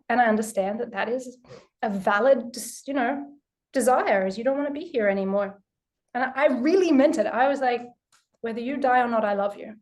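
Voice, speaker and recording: A woman's voice: fairly high pitch, a little mellow. A young woman teaching a live online class, speaking candidly and emphatically and swearing freely. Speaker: spiritual teacher. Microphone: video call.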